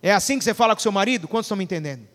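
A man's voice: sits high, expressive, very fast, a bit bright, in a large hall. A male pastor preaching a sermon, calling questions out to the congregation.

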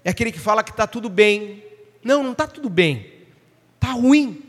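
Male preacher, high voice, emphatic sermon delivery with questions to the congregation, long hall reverb. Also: expressive, moderate pace.

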